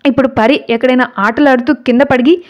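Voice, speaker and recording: A stern, harsh uncle lecturing the family, played by a woman storyteller. It is a high voice in a storybook retelling. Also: steady tone, brisk, highs cut off, lightly acted.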